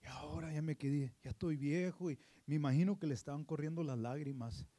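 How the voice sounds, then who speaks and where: A man preaching as a pastor, mixing in English and building from quiet storytelling to loud preaching. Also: on the high side, a little fast, no echo. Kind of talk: sermon.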